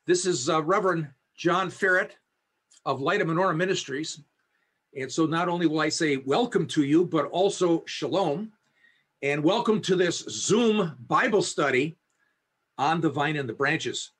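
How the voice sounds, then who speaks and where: A man with a fairly high, breathy-edged voice leads an online Bible study as its teacher. He explains things slowly and kindly, filling pauses with ums and uhs. He is heard over a video call through a video camera. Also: fairly bright tone. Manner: friendly, explains slowly with frequent fillers. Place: home setup on a video call. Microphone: high definition video camera.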